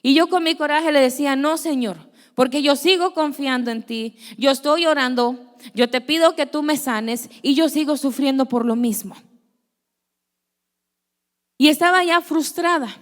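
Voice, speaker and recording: A woman's voice: high voice, a little slow, in a large hall. A young woman preacher giving an earnest testimony sermon, telling her story and acting out conversations. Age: young adult. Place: church.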